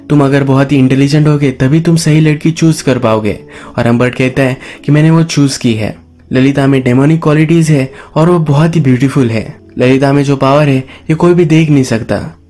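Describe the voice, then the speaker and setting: A man's voice: fairly high pitch, a little mellow. Man narrating a movie recap. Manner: casual storytelling, English words mixed into Hindi. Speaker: movie explainer.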